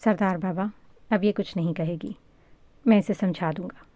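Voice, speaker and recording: A woman voicing a gentle middle-aged father who coaxes and pleads softly. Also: fairly low pitch, fairly even intonation, dry recording, lightly acted. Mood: pleading. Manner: soft, pleading, playful.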